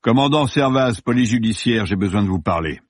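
A man's voice: on the low side, lively intonation, a little fast, no echo, clean studio sound. A man reading as a cold, grim police commander. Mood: stern. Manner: cold, level, insistent. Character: grim, hard-pressing male police commander. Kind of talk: audiobook character voice.

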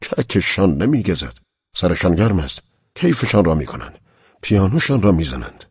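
A man's voice: extremely low pitch, animated, breathy edge, no echo, lo-fi sound, heavily acted. A man voicing a frightened, bitter dying middle-aged judge in an audiobook, in an anguished inner monologue. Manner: anguished inner monologue, rising to near-whispers. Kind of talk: audiobook reading.

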